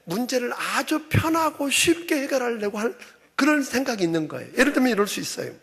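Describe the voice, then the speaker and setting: A man's voice: very high-pitched, sing-song, quick pace, creaky, a bit bright, husky. A middle-aged man preaching a sermon as senior pastor, emphatic, often acting out quoted voices.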